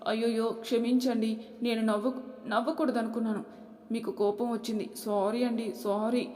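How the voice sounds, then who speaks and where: A cheeky, teasing young wife, played by a woman reading a storybook aloud. Her voice sits a little high, and it carries a long, roomy reverb. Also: little pitch movement, moderate pace, mellow, natural voice. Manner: mischievous, teasing. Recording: echoey room with long reverb.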